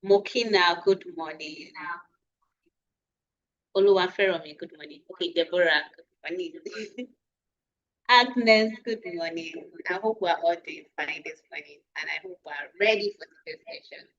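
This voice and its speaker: A woman hosts an online session, reading out attendees' names and checking how to say them. Her voice sits fairly low. It comes through dull and lo-fi over a video call. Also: a bit bright. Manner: unhurried, reading names aloud and pausing over pronunciations. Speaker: webinar host. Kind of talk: greeting attendees by name before an online session.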